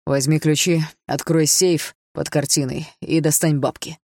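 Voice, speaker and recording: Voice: medium pitch, steady tone, a little slow, a little mellow, no room sound. An audiobook reader voicing a rich, bullying older father who barks orders harshly, in a dry, close recording. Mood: barking orders. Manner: barking, harsh, commanding. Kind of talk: audiobook character voice.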